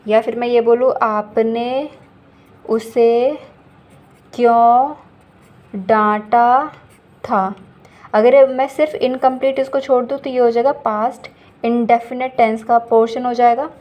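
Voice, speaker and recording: A woman English teacher explaining grammar in a casual, patient way, often checking in and correcting herself as she goes. She slows right down to read out the English example sentences. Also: a little high, flat delivery, mellow. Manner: slow, deliberate reading of English example sentences; frequent "ठीक है" check-ins and self-corrections.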